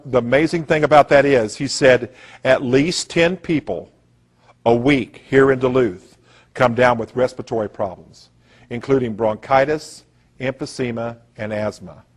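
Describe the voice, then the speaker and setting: A man giving an emphatic lecture, repeating himself for effect and acting out the voices in his anecdotes. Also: mid-range voice. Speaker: speaker giving a talk. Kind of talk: conspiracy lecture.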